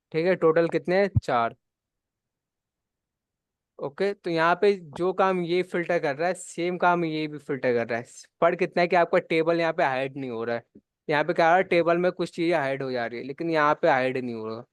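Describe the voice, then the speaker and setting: Clear-voiced male computer instructor. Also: a little high, no room sound. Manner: patient, repeats steps with check-ins. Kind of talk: live online spreadsheet lesson.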